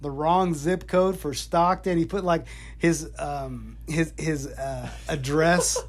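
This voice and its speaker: A man's voice: on the high side, fairly even intonation, takes it slowly. Profane rambling middle-aged storyteller man. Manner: profane, rambling, laughs often. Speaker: father telling stories to his son. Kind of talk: casual storytelling chat. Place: home in North Georgia. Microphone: iPhone.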